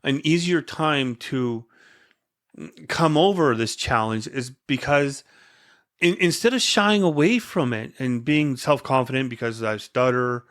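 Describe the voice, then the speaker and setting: A man appearing as a podcast guest speaks earnestly in casual conversation, almost as if delivering a short speech, and stutters now and then. His medium-pitched voice is animated and fairly bright in tone, at a measured pace.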